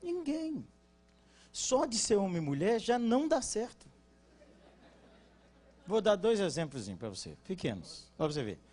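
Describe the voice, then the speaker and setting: A man with a Brazilian Portuguese accent preaching at a conference, joking with the congregation and asking them to respond, then dropping into quiet, earnest teaching. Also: high-pitched, big pitch swings, a little slow, pauses often, soft background music. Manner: swings from loud jokes to quiet earnest teaching. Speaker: pastor. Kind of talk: conference sermon.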